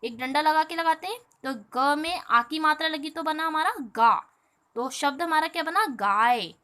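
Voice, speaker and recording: A woman teaching a primary school class, her voice high and bright. She explains step by step, repeats her own questions back to the pupils and calls them "beta". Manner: explains slowly, often asks and answers her own questions; draws out each letter sound aloud. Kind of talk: recorded online class lesson.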